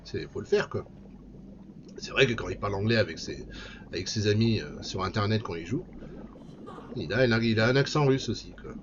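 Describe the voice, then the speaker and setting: A man's voice: fairly low pitch, brisk, pauses often, lo-fi sound, noisy background. A man streaming a game, chatting casually and playfully as he plays. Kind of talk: casual let's-play commentary.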